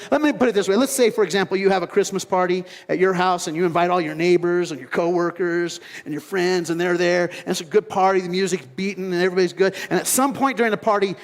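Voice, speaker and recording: A man preaching a sermon as pastor, telling stories in an animated way and acting out other people's voices. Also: high-pitched, in a large hall. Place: church sanctuary.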